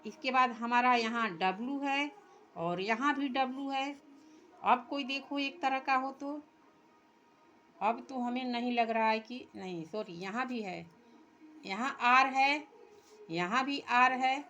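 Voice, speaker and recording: A woman's voice: fairly high pitch, bright, forceful tone, highs cut off. A woman teacher, walking young children through a workbook step by step and translating English words into Hindi. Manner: reads English lines very slowly.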